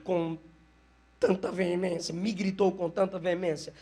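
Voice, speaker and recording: A man's voice: high voice, little pitch movement, a little slow, mellow, husky. A man voicing a shaken preacher who stammers as he explains himself to a woman. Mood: apologetic. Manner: hesitant, stammering.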